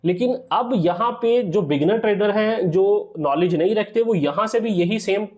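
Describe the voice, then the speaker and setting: Man, high voice, trading tutorial voice-over, explanatory, addresses viewers as sir. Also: moderate pace, a little mellow. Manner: explanatory, repeats "theek hai" often. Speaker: trading teacher. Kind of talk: screen-recorded trading tutorial.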